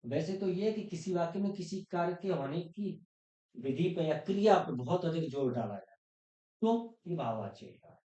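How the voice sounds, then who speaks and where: A man's voice: a little high, lively intonation, normal speed, dark tone. A man teaching grammar in a patient, questioning way, often repeating his points. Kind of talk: informal grammar lesson. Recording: echoey room, distant mic.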